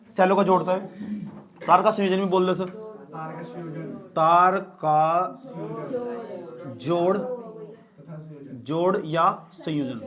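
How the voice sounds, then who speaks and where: A young man teaching a classroom physics lesson, joking and teasing his students as he explains. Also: high voice. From India. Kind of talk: classroom lecture.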